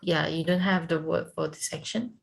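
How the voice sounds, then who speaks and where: A woman who is a non-native English learner, speaking haltingly in a lesson and repeating phrases back. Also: sits low, fairly even intonation, creaky. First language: not English. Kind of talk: conversational language lesson.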